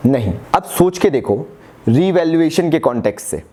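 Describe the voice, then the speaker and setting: Brief: Indian man, commerce tutor, high-pitched and chatty, quizzes students then answers himself. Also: animated, normal speed, mellow. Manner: chatty, calls students "yaar" and "bhai", asks and answers his own questions; calls himself "Baba ji". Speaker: commerce teacher. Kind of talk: online accounts lesson.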